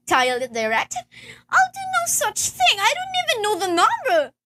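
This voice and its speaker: Young woman acting a frantic, very high-pitched nervous wife. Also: huge pitch swings, moderate pace, background noise, full character voice. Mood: indignant, exasperated. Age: teenager. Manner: agitated, imperious, stammering, tearful. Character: frantic, demanding, nervous married woman home alone. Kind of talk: stage-like radio play acting.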